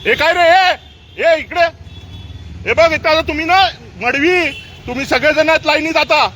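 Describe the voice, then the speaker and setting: A man's voice: very high-pitched, normal speed, sharp tone. A man angrily confronting municipal workers outdoors, scolding and demanding answers while streaming live on his phone. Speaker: citizen confronting municipal staff. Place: outdoors on a busy street. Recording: street traffic noise behind.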